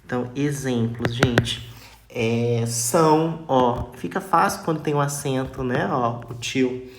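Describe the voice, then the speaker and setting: A teacher with a Brazilian accent giving a grammar lesson, slowly and patiently repeating each example word and asking the class for answers. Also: medium pitch. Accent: Brazilian Portuguese. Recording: echoey room with steady background noise.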